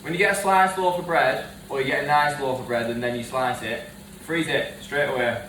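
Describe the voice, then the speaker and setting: A man chatting casually while cooking at home, jokey and quick to laugh. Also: mid-range voice, steady tone, fairly bright tone. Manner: giggly, jokey, laughs often. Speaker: co-host of home cooking video. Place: home kitchen. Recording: echoey kitchen, mic far off, noisy.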